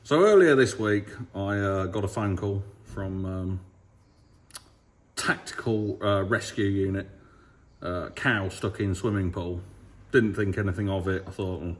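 A man's voice: sits low, measured pace. A man in his thirties, a farmer vlogging from his yard and workshop, talking chattily and jokily into a phone held at arm's length. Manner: chatty, jokey, matter-of-fact storytelling. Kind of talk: casual vlog chat. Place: outdoors in a farm yard and indoors in a workshop. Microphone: handheld phone at arm's length.

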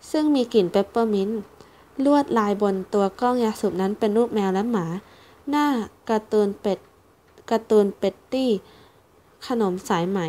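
A woman reads a children's storybook aloud, her voice pitched a little high. She narrates steadily and carefully, keeping an even read-aloud pace. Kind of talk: storybook reading.

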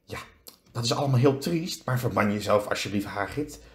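A stern older woman professor, as a man puts her on, whispering in a higher, tense hush. A storybook figure in a read-aloud. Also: animated, brisk, reverberant, close to an everyday voice.

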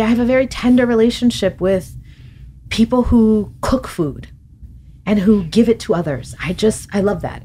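Her voice sits in the mid range, with a faint hiss or hum behind it. This middle-aged author is a guest on a podcast, reflecting aloud in a studio interview while she gestures with her hands and laughs frequently, thoughtful throughout. She's recorded on a boom-arm studio mic.

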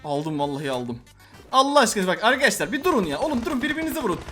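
A man giving gameplay commentary on a mobile shooter, excitable and prone to frustrated yelling. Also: high-pitched, racing, faint music behind. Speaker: gaming YouTuber.

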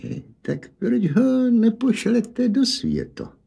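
A man's voice: very high voice, very animated, creaky, dark tone, slightly rough, pitched above the performer's own voice, full character voice. A man doing a sly little old man, Ječmínek. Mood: sly teasing. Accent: Hanák dialect. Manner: thin old man's voice, teasing.

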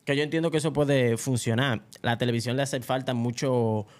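A young adult Dominican man, a comedian, chatting casually and telling lively stories, with a Dominican Spanish accent and a speech habit of not pronouncing the R. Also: mid-range voice, a little fast. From Dominican Republic. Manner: animated storyteller who acts out quoted voices. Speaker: comedian guest. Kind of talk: casual podcast chat.

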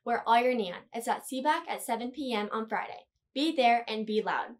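A woman's voice: on the high side, moderate pace. A teenage girl reading school announcements as a student news anchor in a studio. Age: teens. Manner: bright, energetic announcer.

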